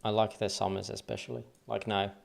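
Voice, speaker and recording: On a laid-back trading livestream, a Finnish man with a light accent and a deep, gravelly, creaky voice works through charts, thinking out loud and muttering wave counts to himself. His pitch barely moves and his pace is brisk.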